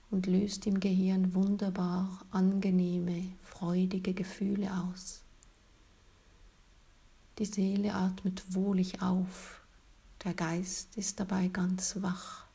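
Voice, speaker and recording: A woman leading a guided relaxation in a soft, soothing, breathy spa-like whisper, as scripted narration. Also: mid-range voice, flat delivery, slow.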